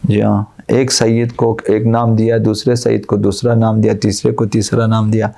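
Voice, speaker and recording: A man's voice: on the low side, level tone, vocal fry, mellow. A male Islamic cleric giving a religious lecture, quoting Arabic verses and explaining each one through repeated everyday examples.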